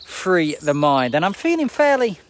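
This forties-aged running coach walks uphill outside near an airport, talking on a live video at a moderate pace. His high-pitched, very animated voice carries a casual, reflective motivational message, punctuated by frequent rhetorical questions.

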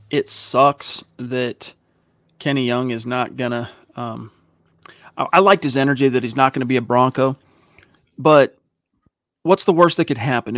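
A man's voice: medium pitch, dry recording, clean studio sound. A man hosting a sports podcast, talking casually and energetically with some fillers. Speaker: podcast host.

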